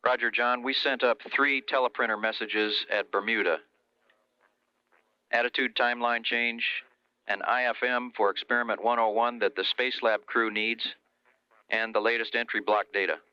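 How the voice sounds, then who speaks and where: A man's voice: mid-range voice, steady tone, normal speed, smooth, dry recording. A male mission control communicator speaking over a radio loop, reading technical instructions methodically and closing each call with "over". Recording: dull lo-fi radio loop recording.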